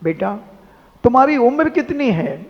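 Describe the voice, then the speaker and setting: A preacher doing a wise, firm old monk. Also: male voice, very high-pitched, big pitch swings, a little slow, heavily acted. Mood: earnest. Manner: gently questioning, then firm. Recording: dull sound in a long-echo hall.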